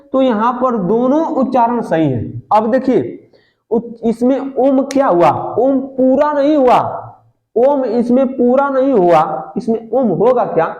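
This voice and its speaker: In dull lo-fi audio from an echoey room, a man with an extremely high-pitched, dark-toned voice teaches exam students grammar expressively at a measured pace. He asks questions and answers them himself, stretching vowels to demonstrate them.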